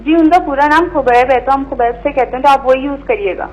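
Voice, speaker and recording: A woman's voice: high-pitched, soft background music, low-quality recording. A woman calling in over a landline phone, politely asking an astrologer short questions. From Pakistan. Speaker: caller.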